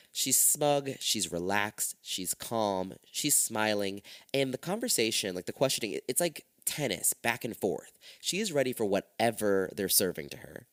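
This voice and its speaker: A male podcast host talks through a true-crime case in a loose, profane storytelling manner. His lowish voice rises and falls with lively swings. He sits close to the microphone in a dry, dead-sounding space. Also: dry recording. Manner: profane, animated retelling.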